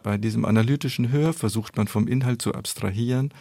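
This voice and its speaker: A man explaining speech research in an interview, in a measured, analytical way. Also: mid-range voice, gravelly, warm tone, dry recording.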